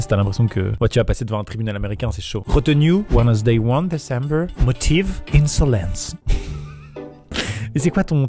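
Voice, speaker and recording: A man hosting a comedy video, reading school discipline notes aloud with animated, mock-outraged asides, frequent laughter and swearing. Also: medium pitch. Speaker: YouTuber host.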